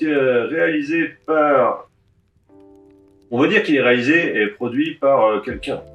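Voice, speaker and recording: A man's voice: medium pitch, fairly bright tone, far from the mic. Wry, grumbling man in a roomy room. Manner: wry, grumbling, swears offhandedly. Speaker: DVD collector vlogger. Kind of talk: casual chat, sorting through DVDs.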